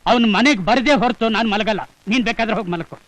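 Brief: a grumbling, cross middle-aged father, very high sharp voice, dry. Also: racing, dry recording, low-quality recording. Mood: scolding. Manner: grumbling and scolding. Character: stingy, hot-tempered middle-aged father. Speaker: the hero's father. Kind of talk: Kannada film dialogue.

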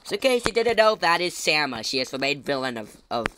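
A man's voice: fairly high pitch, sing-song, fairly quick. A man casually commentating a game for viewers, explaining what happens, on a noisy home recording. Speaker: gaming commentator. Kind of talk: casual let's-play commentary.

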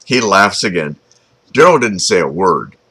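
A man's voice: low voice, very animated, measured pace, pushed and bright, breathy edge, rough recording. A man reading his own story aloud, chatty and informal, breaking off for asides and jokes to the listener. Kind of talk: storytelling narration.

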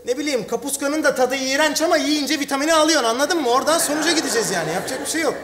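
A man's voice: very high-pitched, racing, crowd noise. A man performing a stage comedy sketch, rambling through exaggerated excuses. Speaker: comedy sketch actor playing a boyfriend. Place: television studio stage with live audience. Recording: echoey stage with audience noise.

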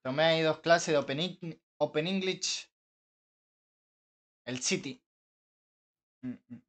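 A young man with an Argentine Rioplatense accent, chatting casually with his live-stream viewers while gaming, joking, swearing and breaking into frustrated shouts. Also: on the high side, takes it slowly. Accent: Argentine Rioplatense Spanish. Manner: banters with chat, swears, bursts into frustrated shouts.

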